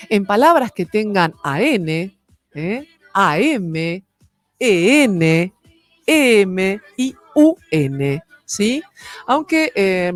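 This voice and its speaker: A woman teaching a French lesson, her pitch rising and falling in a lively, animated way. She explains patiently and keeps checking in with quick tags. The recording is dry and close. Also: no echo. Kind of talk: online French lesson in Spanish.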